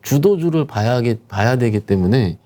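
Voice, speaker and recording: A man talks through the stock market with a lively, swooping voice, pressing his points with rhetorical questions. His tone is dark and mellow. He sounds like a securities professional giving a guest commentary. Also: mid-range voice, moderate pace. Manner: animated, emphatic explanation with rhetorical questions. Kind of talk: explaining stock market conditions.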